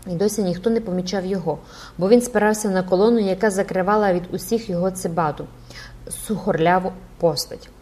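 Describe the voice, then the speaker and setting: A woman reading a classic novel aloud in a measured, expressive audiobook narration. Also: fairly low pitch.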